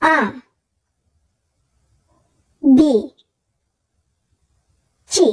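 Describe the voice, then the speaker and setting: A young woman teaching a language lesson, saying letters slowly and carefully for learners to repeat. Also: high voice, a little mellow, poor audio. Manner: slow, careful pronunciation drills. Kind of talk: spoken alphabet lesson.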